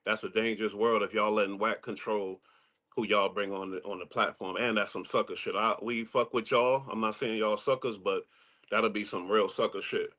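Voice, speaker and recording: A man's voice: on the low side, steady tone, moderate pace, fairly bright tone. New guy cohosting a reaction stream, chill and blunt, slangy. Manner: laid-back, blunt, slangy. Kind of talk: casual live-stream commentary.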